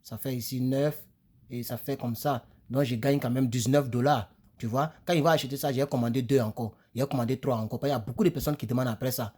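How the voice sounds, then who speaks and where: A French-speaking man giving a casual English lesson on a phone camera. He rambles and repeats himself, leans on "voilà" and "ok", and slows right down to spell out English phrases. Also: mid-range voice, steady tone, a little mellow, slightly rough. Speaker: English teacher. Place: home, filming on a phone in front of him. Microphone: phone camera close in front.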